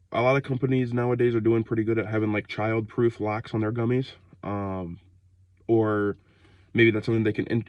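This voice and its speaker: A vlogger in his twenties from Ohio, United States, rants casually outdoors in the cold while sick and short of breath. His fairly low voice comes through a muffled recording with no room sound, and his talk rambles loosely with slang, lots of fillers and restarts.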